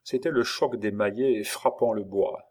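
A man narrating a novel in a steady, measured storytelling manner. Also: on the low side. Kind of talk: audiobook reading of a novel.

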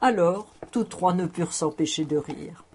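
A woman narrating a novel aloud in a measured, even storytelling manner. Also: on the low side, a little hiss or hum. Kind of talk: audiobook narration.

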